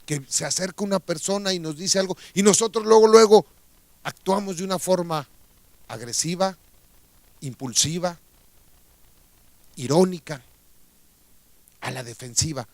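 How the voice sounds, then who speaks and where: A man's voice: high-pitched, no room sound. A man with a Mexican accent preaching a radio sermon, telling a story and asking rhetorical questions of his listeners.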